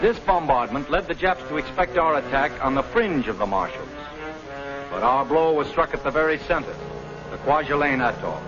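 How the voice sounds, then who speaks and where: Male 1940s war newsreel announcer, American, dramatic and scripted, on dated lo-fi film audio with loud music. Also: fairly high pitch, lively intonation, normal speed. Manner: dramatic, declarative delivery. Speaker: newsreel narrator.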